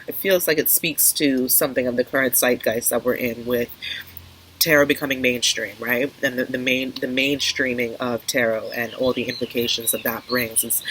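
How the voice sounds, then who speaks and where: A woman's voice: a bass voice, fairly bright tone, poor audio. A woman talking casually to her viewers outdoors in an open garden, rambling and often restarting her sentences, as a video creator. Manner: hesitant, rambling, self-interrupting. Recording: windy outdoor garden recording, faint noise. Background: wind and outdoor ambience.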